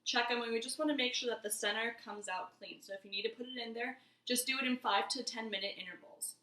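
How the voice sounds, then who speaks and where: Young woman, twenties, chatty cooking vlog, crisp bright tone, roomy kitchen echo. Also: a little high, fast talker. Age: 20s. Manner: chatty, easygoing, talks viewers through each step. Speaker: cooking vlogger. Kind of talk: casual cooking demonstration. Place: home kitchen.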